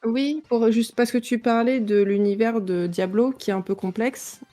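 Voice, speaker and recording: A woman's voice: a little high, normal speed, warm tone, faint music behind. A woman guest chatting enthusiastically on a video call. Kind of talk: casual video-call chat.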